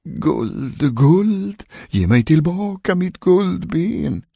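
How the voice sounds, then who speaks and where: A man voicing the ghost of a dead lady, crying out from her grave in a high wail, in a spoken ghost story. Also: big pitch swings, gravelly, dark tone, breathy edge, no echo, clean studio sound, exaggerated voice. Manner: high wailing cry.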